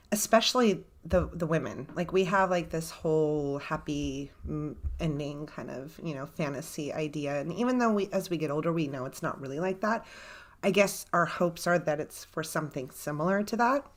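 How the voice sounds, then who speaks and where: A woman in her forties from Southern California, co-hosting a podcast in casual chat, chatty and laughing often. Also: sits low. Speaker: podcast co-host.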